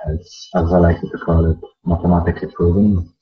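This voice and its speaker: A man's voice: deep voice, flat delivery, fairly quick. A man with an Eastern European accent explaining things step by step in a casual, conversational narration. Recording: dull lo-fi audio with music.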